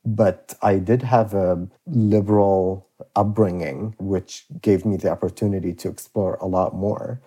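A young man from Iraq with a low, dark voice, talking as a guest on a podcast. He speaks openly and reflectively, with easy laughter between thoughts. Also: steady tone, unhurried, few pauses, slightly rough. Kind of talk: podcast interview.

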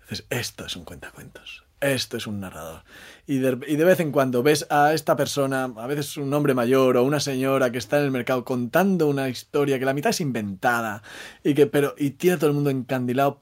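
A man's voice: fairly high pitch, a little mellow. A man speaking reflectively as an interview guest, often repeating phrases and adding short tag questions. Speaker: interview guest, maths communicator and storyteller.

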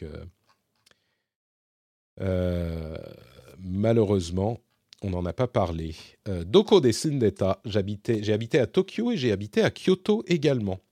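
A man's voice: lowish voice, dark tone, dry recording, studio quality. A man hosting a casual question-and-answer session, talking in a rambling way with many fillers and restarts. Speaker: host. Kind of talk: casual Q&A monologue.

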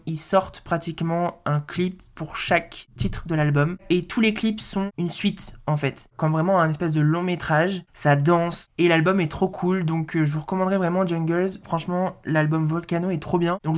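Brief: woman in her twenties, deep for her sex, relaxed rambling podcast host. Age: 20s. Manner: relaxed, chatty, many fillers. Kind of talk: casual audio note monologue.

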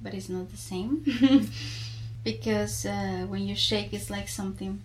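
A Colombian woman whose first language is Spanish speaks reflectively as a podcast guest, searching for words in her Colombian accent. Her voice is medium-pitched and a little slow, on a low-quality recording with slight background noise.

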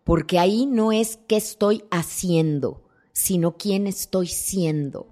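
A woman's voice: lowish voice, slow pace, mellow. A woman speaking as a thanatologist guest in an interview, talking expressively and acting out the voices she quotes. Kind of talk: interview conversation.

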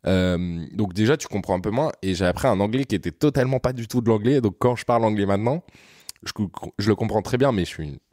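A French man in his thirties, a podcast guest, telling his life story in a relaxed, slangy, rambling way. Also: on the low side, quick pace, dry recording, clean studio sound. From France. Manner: rambling, slangy, frequent "tu vois" asides. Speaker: podcast guest, content creator. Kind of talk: casual storytelling conversation.

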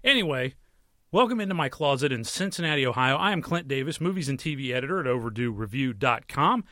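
A man's voice: mid-range voice, animated, fast talker, pushed and bright, no echo. An American man in his thirties hosting a casual solo podcast in a wry, conversational way, recorded close in a small closet. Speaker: podcast host and movie and TV critic.

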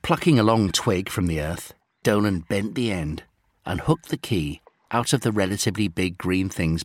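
Deep, husky storybook narrator. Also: male voice, no room sound. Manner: steady, gently dramatic reading.

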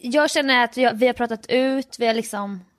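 A young woman co-hosting a casual podcast, telling stories and acting out little exchanges with laughs. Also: fairly high pitch. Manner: animated storytelling, acts out little dialogues with laughs. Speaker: podcast co-host. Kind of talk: casual chat.

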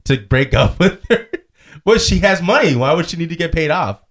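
A man hosting a casual podcast chat, laughing often and swinging from loud outbursts to low mumbles. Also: lively intonation, moderate pace. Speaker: podcast host.

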